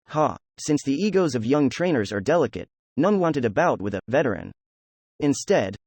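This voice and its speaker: A man's voice: mid-range voice, darkish tone, no echo. Man reading a story, dry close sound. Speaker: audiobook reader. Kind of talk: fan fiction audiobook narration.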